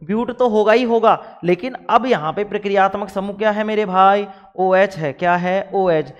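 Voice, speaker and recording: A male teacher with a high voice gives a classroom lecture. He fires questions at his students and answers them himself. His voice rings with a long reverb, as if he were recorded in a hall. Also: normal speed. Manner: voices imagined student replies.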